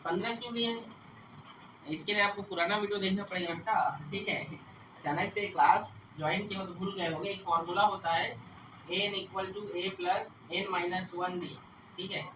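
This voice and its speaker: A man's voice: high voice, fairly even intonation, moderate pace. A male teacher giving a classroom math lesson, often scolding students and checking whether they understand. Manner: checks understanding with repeated questions. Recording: echoey classroom from far off, traffic noise.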